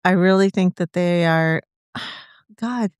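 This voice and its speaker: A middle-aged woman with the hiccups gives her picks slowly and hesitantly. Her voice is smooth and clear. The sound is dry. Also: lowish voice, dry recording. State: has the hiccups. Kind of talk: casual chat.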